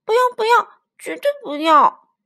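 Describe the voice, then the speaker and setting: A woman voicing a stubborn, tearful little boy ankylosaurus in a children's storybook, in a loud, high, pleading child's voice. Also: moderate pace.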